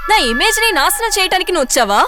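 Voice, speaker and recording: A woman's voice: extremely high pitch, big pitch swings, very fast. An actress playing a proud, ruthless woman who threatens and switches into English in a film drama. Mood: angry. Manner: haughty, threatening, mixes English in. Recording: film scene with music score.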